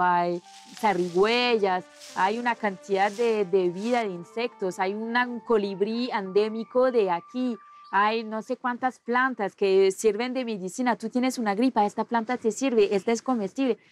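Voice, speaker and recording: A French woman in her thirties, a landscaper and environmental activist, speaking earnestly outdoors in a documentary interview, pausing often with fillers. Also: a little high, faint music behind. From France. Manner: earnest, hesitant with many fillers. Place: outdoors in hilly countryside.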